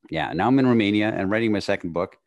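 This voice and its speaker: Deep-voiced, laid-back Canadian-raised man. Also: fast. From northwestern Canada. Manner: relaxed, laughs often, drifts into a quiet, low voice. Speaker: podcast guest. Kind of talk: casual conversation. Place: home room, video call. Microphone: studio mic on a boom arm.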